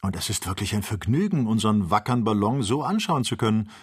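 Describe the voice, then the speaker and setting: Blunt hunter , husky male reader, audiobook, brisk and exclamatory. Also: fairly low pitch, very animated. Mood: admiring.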